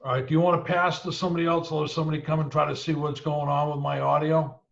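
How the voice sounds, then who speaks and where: A man's voice: fairly high pitch, level tone, vocal fry, muffled recording. Man on a choppy, breaking-up video call. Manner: halting, with many "uh" pauses. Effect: choppy, breaking-up video call audio. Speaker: panelist describing a reentry program. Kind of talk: presenting on a video call panel.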